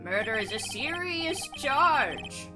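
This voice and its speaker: A woman's voice: high voice, sing-song, slow, music in the background, full character voice. A woman voicing a stern, grumpy old male courtroom judge in a game, speaking formally in a put-on old man voice.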